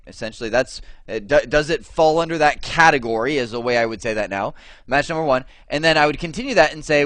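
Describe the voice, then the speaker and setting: A male instructor lectures over slides with a lively, up-and-down voice that sits a touch high for a man. He keeps it chatty and keeps quizzing the viewer. The sound is close and dry, with no room around it. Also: no echo. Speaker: networking instructor.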